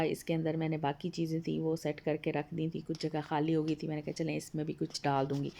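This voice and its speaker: Woman, home vlogger voice-over, slightly hoarse, low, flat and mellow, homely and polite. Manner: chatty and homely, addresses viewers politely. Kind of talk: casual voice-over narration of a home video. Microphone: voice-over recorded apart from the video.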